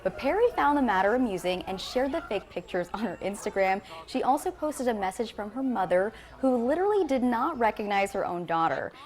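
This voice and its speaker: A woman's voice: fairly high pitch, very animated, a little fast, few pauses, a little mellow. A woman news anchor reading entertainment news with chatty, playful asides.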